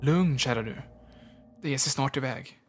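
A man voicing a husband in a storybook who keeps telling his wife to stay calm. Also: mid-range voice, faint music behind, natural voice. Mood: reassuring.

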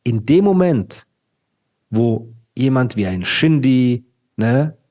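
A man co-hosting a podcast in casual chat, talking in an animated, slangy way and often calling his co-host "Bruder". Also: mid-range voice, takes it slowly.

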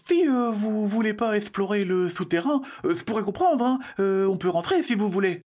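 A man's voice: high voice, expressive, normal speed, a little mellow, voice pushed up. A man doing a timid stammering boy. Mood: nervous. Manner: hesitant, stammering with fillers. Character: timid nervous young boy.

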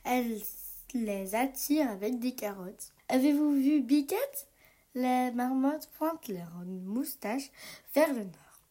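Woman reading a kids story out loud, slow and gentle, soft mellow voice. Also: on the high side. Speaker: children's book reader. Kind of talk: reading a picture book aloud.

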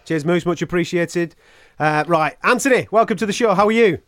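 A man's voice: high-pitched, fairly quick, fairly bright tone, no echo. A man hosting a live sports talk radio show, chatty and matey in his delivery.

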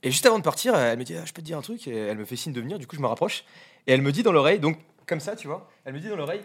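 Fast-talking young man telling stories. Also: a little high, lively intonation, slightly rough. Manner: fast, laughing, many fillers. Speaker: content creator on a live stream. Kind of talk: casual chat, telling anecdotes.

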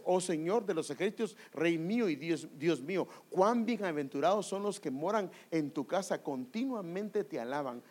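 A man preaching a sermon, emphatic and repetitive, often asking the congregation questions. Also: on the high side.

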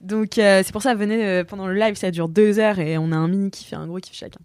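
A French woman co-hosting a podcast in casual chat, pausing often with fillers. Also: mid-range voice, steady tone, a little mellow, no room sound, clean studio sound. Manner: hesitant, many fillers. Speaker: podcast co-host.

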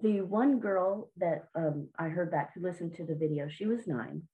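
A woman with a fairly low, mellow voice gives an interview about helping children with their mindset. She speaks earnestly and encouragingly, sometimes repeating a word as she goes. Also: normal speed, rough recording. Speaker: guest, children's mindset coach. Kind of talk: interview answers.

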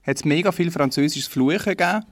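Young Swiss German man, slightly high voice, dry self-deprecating chat. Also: brisk, dry recording. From Switzerland. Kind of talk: casual chat.

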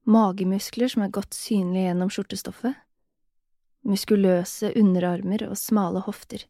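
A woman narrating a scripted erotic audio story in a soft, intimate way, sometimes dropping into a whisper. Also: medium pitch, steady tone, no echo, studio quality.

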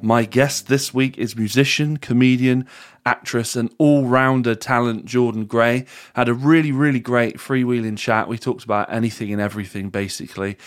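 A man's voice: medium pitch, fairly even intonation, normal speed. A British man talking casually and conversationally as a podcast host.

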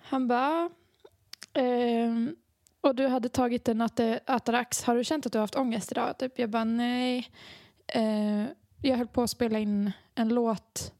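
Lively young woman telling a story. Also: a little high, dry recording, studio quality. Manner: animated storytelling, acting out quoted dialogue, frequent laughter. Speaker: podcast co-host, songwriter. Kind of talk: casual chat.

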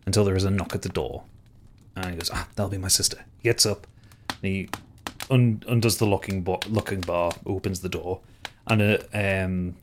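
A man's voice: sits low, a little hiss or hum. A man narrating as game master of a tabletop game, loose and full of fillers and restarts.

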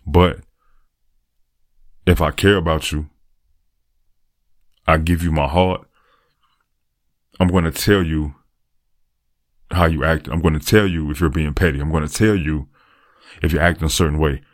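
Very deep-voiced man, earnest and reflective. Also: steady tone, a little slow, long pauses, dry recording, studio quality. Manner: earnest, repeats phrases for emphasis. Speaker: podcaster and aspiring motivational speaker. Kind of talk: reflective casual monologue.

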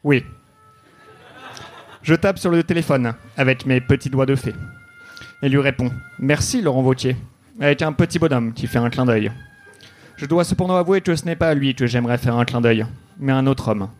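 A man telling a deadpan, mock-noir detective story live on a comedy club stage. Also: medium pitch, moderate pace, pauses often, faint music behind. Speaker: comedy podcast host.

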